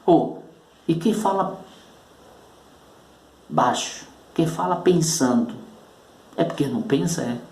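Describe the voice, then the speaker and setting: A man teaching a public speaking lesson, speaking slowly and emphatically and leaning hard on stressed syllables. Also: a little high, lively intonation, a little mellow, echoey room, low-quality recording. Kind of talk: recorded oratory lesson.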